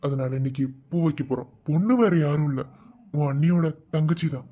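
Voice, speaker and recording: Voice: mid-range voice, fairly quick, dark tone, lo-fi sound, close to an everyday voice. A performer voicing a loving elder brother in a cartoon, tenderly soothing his sister.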